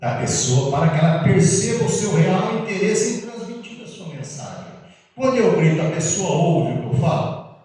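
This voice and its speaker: A man's voice: high-pitched, lively intonation, normal speed, a little mellow. Middle-aged man, Brazilian Portuguese accent, chatty spiritist talk, long reverb, distant from the mic. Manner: conversational, asks the audience questions with frequent "né?". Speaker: spiritist speaker. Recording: echoey hall, voice far from the mic.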